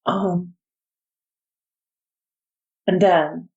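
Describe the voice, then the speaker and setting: A woman running a tabletop horror game as storyteller, narrating scenes in a measured way with frequent ums. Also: on the low side, steady tone, creaky, darkish tone, muffled recording.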